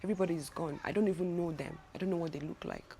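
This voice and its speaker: Nigerian woman, young adult, low-pitched, chatty vlog talk, restarts often, faint background noise. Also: rapid-fire, mellow. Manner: chatty, many restarts and repeated words. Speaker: travel vlogger. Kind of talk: casual vlog monologue.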